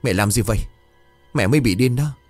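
A man's voice: medium pitch, brisk, a little mellow, faint music behind, voice pushed up, lightly acted. A man voicing a desperate, obsessed young man, frantic and pleading.

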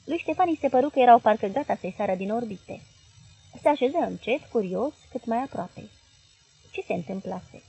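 A woman narrating a literary novel as an audiobook reader, in a measured, expressive way with a husky voice. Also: fairly high pitch, rough recording.

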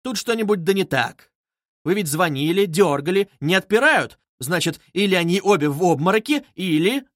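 A man doing an eager, loud young student. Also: sits high, animated, no room sound, studio quality, pitched above the performer's own voice. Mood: eager, urgent. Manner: loud, quick, insistent.

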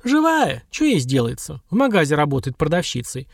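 A man's voice: a little high, wildly swooping pitch, a little fast, gravelly, no echo, studio quality, exaggerated voice. A man voicing a blunt streetwise young nurse. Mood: weary. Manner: coarse slangy speech, wry chuckles. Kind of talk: audiobook dialogue.

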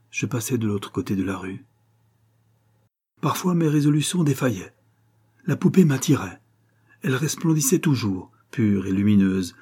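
A man narrating a literary story aloud, in an expressive, dramatic reading style. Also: medium pitch, slightly rough. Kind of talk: scripted audiobook narration.

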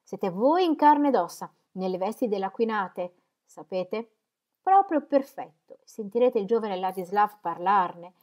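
A woman doing a rambling, fussy older gentleman. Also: a little high, voice pushed up. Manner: rambling, chatty, repeats himself.

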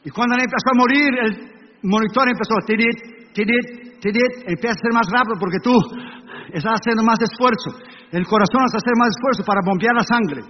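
High-voiced male preacher, echoey hall. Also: quick pace. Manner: dramatic storytelling, imitating monitor beeps. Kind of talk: evangelistic sermon. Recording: dull echoey hall recording, faint noise.

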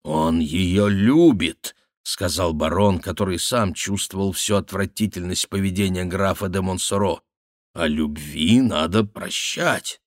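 A grieving old baron speaks slowly and solemnly of honor and duty, as a male reader puts him on. The voice is low and unhurried. It is recorded close and dry. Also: dry recording. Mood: weary, resigned. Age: older.

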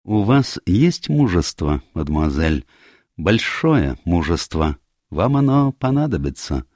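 A man voicing a fussy little Belgian male detective in an audiobook, speaking in a precise, measured, insistent way. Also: low-pitched, sing-song, darkish tone, no echo, clean studio sound, exaggerated voice. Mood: grave. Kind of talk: audiobook character voice.

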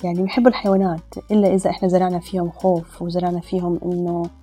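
A woman, telling a personal story in a reflective, hesitant way with pauses and fillers. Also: lowish voice, level tone, dark tone, husky, soft background music. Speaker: storyteller guest.

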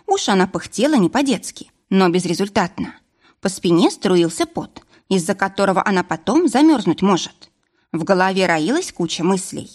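Female audiobook narrator, expressive, lively storytelling. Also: medium pitch, normal speed.

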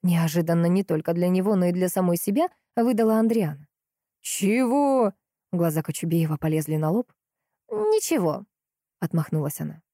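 A woman narrating a detective audiobook in a steady, lightly expressive reading on a close mic. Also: fairly low pitch, fast talker, few pauses, no room sound.

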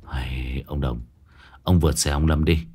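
A man's voice: a bass voice, fairly even intonation, moderate pace, warm tone, soft background music, voice pushed down. A man voicing a flustered young exorcist, muttering self-pityingly. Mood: dismayed. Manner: muttering, grumbling.

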